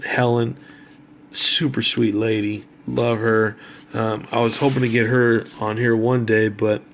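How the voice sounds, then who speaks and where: A man's voice: lowish voice, fairly bright tone, a little hiss or hum. A middle-aged man casually telling rambling, slangy fan stories, swearing now and then. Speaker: autograph collector and fan. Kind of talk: casual storytelling vlog.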